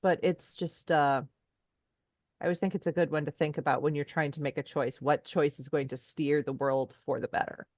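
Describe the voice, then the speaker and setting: A woman speaks as a podcast guest in a very low voice. She rambles enthusiastically, trailing off into asides. The sound is dry and close, with no room echo. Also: fairly even intonation, normal speed, darkish tone. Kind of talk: casual chat.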